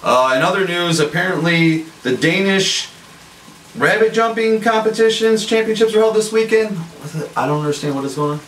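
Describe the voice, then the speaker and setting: A man's voice: high-pitched, lively intonation, normal speed, fairly bright tone. A man playing a straight-laced, easily baffled sportscaster in a parody segment, with a stiff, formal delivery. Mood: baffled, stern. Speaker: sports anchor. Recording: echoey, distant mic, faint noise.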